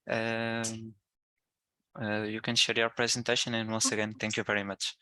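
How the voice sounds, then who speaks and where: A male webinar host with a European Portuguese accent makes introductions. His voice is bright and clean, with a flat, even pitch. The sound is close and free of room echo. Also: normal speed, smooth.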